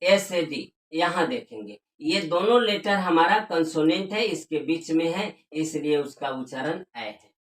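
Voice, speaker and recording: A woman teaching English pronunciation, spelling out letters and repeating each word slowly for learners. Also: sits low, animated. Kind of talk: spoken language lesson. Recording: echoey room.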